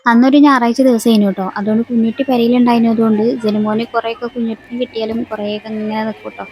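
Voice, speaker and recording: A woman's voice: a little high, little pitch movement, very fast, a little mellow, slight background noise, rough recording. A young woman, chatting through a home vlog voice-over in a casual way. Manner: chatty, ends sentences with "tto". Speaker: vlogger, mother.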